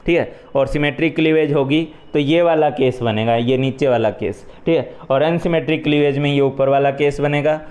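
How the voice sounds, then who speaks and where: Male chemistry teacher with a Hindi accent, clear and resonant voice, patient step-by-step revision delivery. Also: a little high, a little mellow. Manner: explains step by step, repeats "ठीक है" often. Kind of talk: exam revision lecture.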